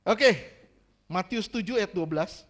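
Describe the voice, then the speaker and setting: A man preaching a sermon as pastor, joking and animated. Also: high-pitched, a little slow.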